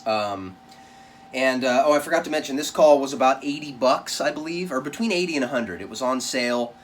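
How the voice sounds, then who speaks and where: A man with a mid-pitched voice talks through a casual product review. He is plainspoken and conversational, like a reviewer speaking off the cuff. The voice sits a little way back from the microphone. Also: a little fast, recorded from a distance, slight background noise.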